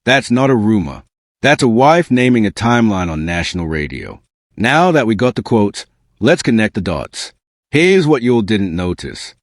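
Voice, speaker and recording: A man's voice: lowish voice, very animated, moderate pace, no room sound, studio quality. A man hosting a scripted celebrity gossip exposé, using hip-hop slang in a smug, sarcastic, incredulous manner. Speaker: gossip show host.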